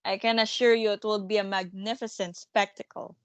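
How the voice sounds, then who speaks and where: A woman's voice: medium pitch, little pitch movement, fairly quick, no room sound, lightly acted. A bossy, self-assured theatre manager in a stage drama, played by a woman. The manner is scornful and commanding, brushing objections aside. It is recorded close and dry. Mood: amused, scornful. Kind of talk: dramatic stage-play reading.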